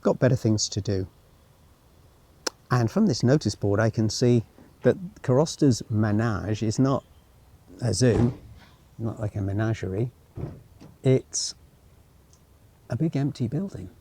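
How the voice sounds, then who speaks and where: This travel vlogger talks unhurriedly in a fairly low, warm voice with a breathy edge, pausing often. Out walking around a former military town, he muses unscripted, dropping wry asides and sometimes reading signs aloud.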